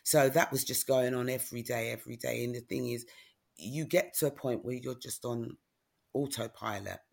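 A woman's voice: extremely low pitch, steady tone, moderate pace, vocal fry, darkish tone. A middle-aged woman, candidly telling a personal story in conversation and often asking "do you know what I mean?". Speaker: guest, author.

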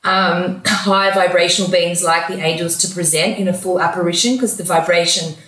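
A woman's voice: on the low side, fairly even intonation, moderate pace, a bit bright. Earnest woman guest in echoey room. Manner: earnest, heartfelt storytelling. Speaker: spiritual coach guest. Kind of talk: interview conversation. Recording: roomy echo.

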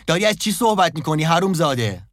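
A man voicing a frightened, angry young man who shouts in a high, strained voice for an audio drama. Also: very animated, no echo, clean studio sound. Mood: furious.

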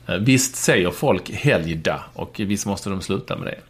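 A man's voice: low voice, animated, slightly rough. A man co-hosting a casual podcast, bantering and arguing his points emphatically in a mock-serious way. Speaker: podcast co-host.

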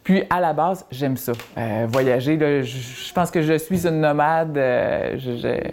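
A woman's voice: deep voice, measured pace, darkish tone, slight background noise. A woman with a Quebec French accent, a guest who talks about moving often, restless and repeating herself. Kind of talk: interview testimony.

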